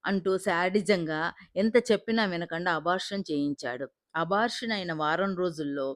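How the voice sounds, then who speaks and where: A woman's voice: on the low side, dry recording, studio quality. A woman narrating an emotional family audio story in the first person, with a dramatic delivery.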